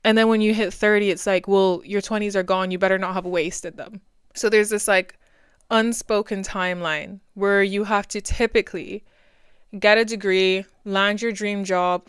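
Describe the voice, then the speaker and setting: A woman's voice: mid-range voice, smooth, no room sound, clean studio sound. A woman in her twenties hosting a solo podcast, talking in a chatty, rambling, self-deprecating way. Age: 20s. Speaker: podcast host.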